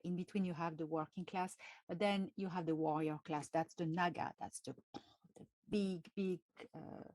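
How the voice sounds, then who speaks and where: A woman with a French accent, hosting a live stream and talking in a halting way with many pauses and fillers. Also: lowish voice, steady tone, a little mellow, no room sound. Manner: halting, many fillers and restarts, laughs often. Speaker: channel host.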